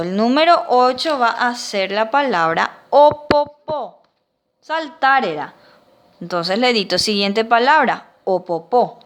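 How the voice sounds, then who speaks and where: A woman's voice: on the high side, fairly bright tone. A woman teacher with a Paraguayan Spanish accent, patiently dictating words and sounding them out syllable by syllable in a classroom lesson.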